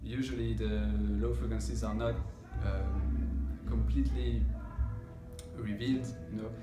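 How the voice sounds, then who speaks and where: Loud music plays behind a man in his thirties as he explains, informally and with hesitation, how he takes audio measurements. The engineer's voice is fairly low, steady and unhurried. The indoor listening room, fitted with loudspeakers, adds echo and background noise.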